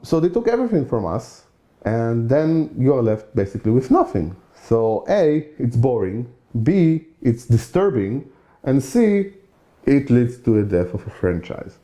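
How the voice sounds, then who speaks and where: An Israeli man of about forty hosts his own channel, giving a casual opinion monologue in an Israeli accent. His mid-range voice is warm and very animated, though his pace stays measured. He chats loosely, saying "you know" a lot and repeating points for emphasis.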